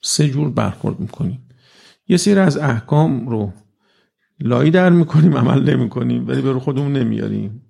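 A man giving a conversational religious lecture to a live audience, reciting verses slowly and often asking "right?". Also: mid-range voice, expressive, vocal fry, warm tone, slightly rough.

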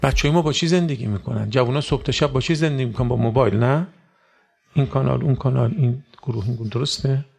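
A man delivers a sermon to a gathered congregation, his voice gravelly and of middling pitch. He leans on rhetorical questions and swings from hushed asides to sudden loud, high bursts. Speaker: preacher. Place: religious gathering with audience.

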